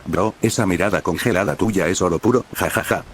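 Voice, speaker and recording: Man doing a laid-back teen boy, slangy and cheery, deep register. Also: brisk, a little hiss or hum, natural voice. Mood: laughing. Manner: laughing, slangy. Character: cheerful teenage boy, easygoing bro.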